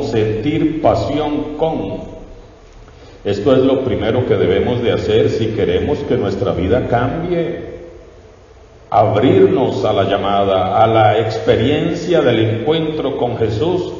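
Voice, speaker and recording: A man's voice: mid-range voice, warm tone. A man preaching a sermon as a priest, exhorting and questioning the congregation, in an echoey church recorded from far off on dull lo-fi sound.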